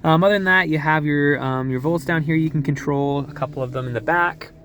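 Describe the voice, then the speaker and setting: A young man casually walking through a vehicle at a car dealership, with an easygoing manner, frequent laughs and quick asides. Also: fairly high pitch, noisy background.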